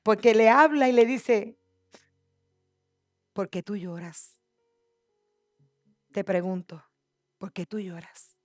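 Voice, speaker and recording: A woman pastor preaching a sermon, moving from soft, hushed passages to loud, impassioned declarations. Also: mid-range voice, slow pace, long pauses, no echo, studio quality, soft background music. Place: church.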